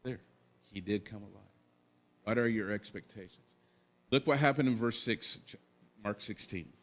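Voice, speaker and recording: A man's voice: lowish voice, moderate pace, fairly bright tone. A man pastor giving a sermon in a conversational tone, asking the congregation rhetorical questions and adding casual asides.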